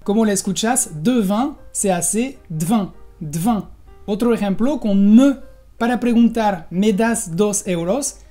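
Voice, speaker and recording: French woman co-host, mellow tone, patient teacher who repeats her examples. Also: medium pitch, animated, soft background music. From France. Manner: explains slowly with repeated examples. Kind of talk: casual language lesson.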